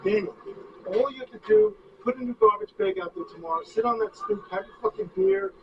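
Male actor: brash, foul-mouthed hustler, fast and gravelly, lo-fi distant sound. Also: very high-pitched, very animated, exaggerated voice. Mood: impatient. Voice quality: profane, pushy and rapid-fire. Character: brash, foul-mouthed man rushing to catch a plane. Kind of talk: indie film acting. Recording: distant, dull, noisy lo-fi recording.

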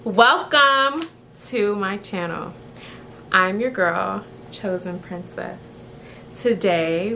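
A woman's voice: on the low side, fairly bright tone, slight background noise. A woman in her twenties from South Florida, chatting playfully to camera about herself in a small room. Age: 20s. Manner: chatty, playful, self-described rambler. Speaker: beauty vlogger, licensed esthetician. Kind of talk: casual chat to camera. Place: indoors, small room before a woven screen.

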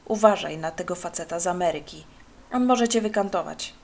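A woman's voice: on the low side, fairly quick, gravelly, darkish tone. Sly young ex-con, mocking and scheming, read by a woman, storybook. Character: sly young male ex-convict hustler.

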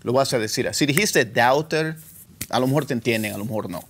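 A man teaching English pronunciation, repeating example words slowly as drills. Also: medium pitch. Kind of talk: pronunciation lesson.

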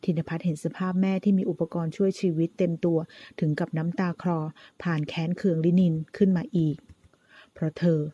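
A woman narrating a drama recap in a steady, even reading. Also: on the low side, brisk, few pauses, slightly rough, dull audio.

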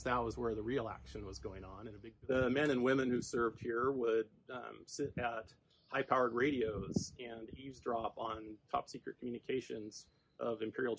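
Older man with a gravelly voice, unhurried, filler-heavy local history talk, outdoor hum. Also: medium pitch, poor audio. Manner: unhurried, halting with many fillers. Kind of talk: relaxed outdoor explanation.

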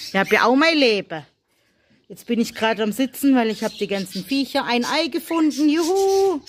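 A woman's voice: a little high, brisk, slight background noise. A middle-aged woman from Germany, chatting casually as a vlogger in a farmyard and slipping into simple English. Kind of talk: casual vlog chat. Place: farmyard with animal pens.

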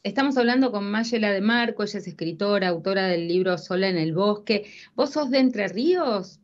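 A woman's voice: mid-range voice, animated, moderate pace. A middle-aged woman with an Argentine accent hosts a radio interview from a room by large windows, formal and inquiring as she asks her questions. Her voice sits mid-range and comes through dull and lo-fi. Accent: Argentine Spanish. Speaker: radio show host. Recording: dull lo-fi stream audio.

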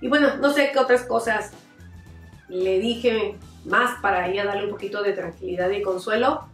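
A woman's voice: mid-range voice, normal speed. Woman, middle-aged, mother, heartfelt testimony, reflective, restarts, echoey room, mic a little far off. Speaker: mother of a former camp participant. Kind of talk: interview, personal testimony. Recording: echoey room, mic at a distance, faint music.

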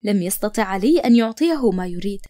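A woman voicing Salem, a steady young man in a cartoon story, in measured storybook narration. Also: medium pitch, lightly acted. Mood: urgent.

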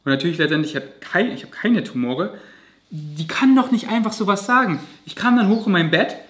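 A man's voice: high-pitched, animated, fairly quick, a bit bright. A man vlogging, telling a personal story to camera in a vivid, emotional way with casual swearing. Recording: roomy echo.

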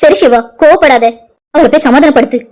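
A woman's voice: sits high, fairly quick, noisy background, lightly acted. A woman voicing a defensive middle-aged mother in a cartoon drama, pleading and justifying herself. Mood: soothing.

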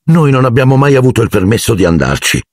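A man's voice: lowish voice, huge pitch swings, normal speed, creaky, husky, no room sound, clean studio sound, voice pushed up, heavily acted. A man voicing a keen, envious young schoolboy wizard.

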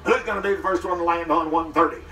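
A man working as an auctioneer, calling bids in a rhythmic rolling chant with quick sales patter into a handheld mic at an outdoor farm sale. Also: fairly high pitch, steady tone, bright, forceful tone, distant mic, a little hiss or hum. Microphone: handheld microphone. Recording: roomy sound from off-mic.

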